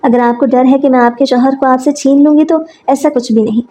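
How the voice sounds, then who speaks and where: A woman reading aloud as a meek young second wife in a spoken story, soft and pleading. The voice sits a little high, with a mellow, warm tone. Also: steady tone, a little fast, close to an everyday voice.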